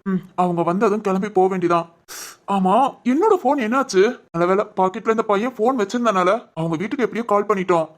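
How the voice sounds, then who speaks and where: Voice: medium pitch, fast talker, close to an everyday voice. A voice actor playing a young man in a cartoon who is exasperated, teasing and talks to himself. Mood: reassuring. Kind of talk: Tamil cartoon voice acting.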